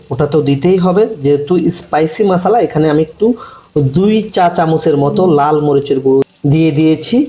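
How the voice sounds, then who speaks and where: A man giving slow, repetitive step-by-step cooking instructions for a recipe. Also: fairly high pitch, mellow. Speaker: cooking channel host. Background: frying and sizzling from the pan.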